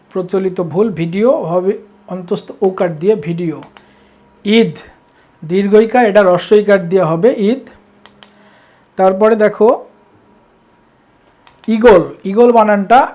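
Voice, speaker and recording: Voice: medium pitch, darkish tone. A teacher from Bangladesh, explaining language rules step by step and checking that the students follow. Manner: explains step by step, checks understanding with short prompts. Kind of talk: classroom lesson.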